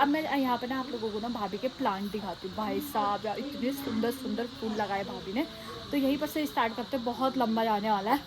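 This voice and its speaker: Chatty vlogger woman with a high voice. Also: background noise. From Uttarakhand, India. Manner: chatty, showing things to viewers. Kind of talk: casual vlog chat. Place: outdoors in a cold hill town.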